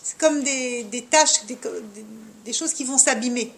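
A woman with a high voice leads a lively religious lesson for women. She speaks directly to her listeners and drops Hebrew terms into her explanations. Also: measured pace. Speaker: religious teacher of a women's class.

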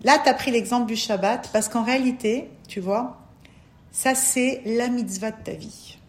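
A woman with a high voice explains spiritual teaching to someone in conversation. She is emphatic and coaxing, and she keeps calling for attention. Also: measured pace. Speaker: spiritual advisor.

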